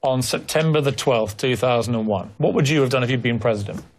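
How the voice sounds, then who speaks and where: A man's voice: mid-range voice, fast. A man interviewing a guest on TV, pressing him with pointed, challenging questions. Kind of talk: confrontational TV interview.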